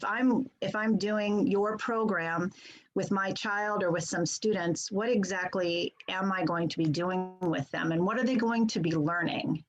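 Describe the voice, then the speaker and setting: A woman's voice: mid-range voice, steady tone, a little slow, muffled recording. A middle-aged woman interviewing a guest over a video call in a friendly, curious way.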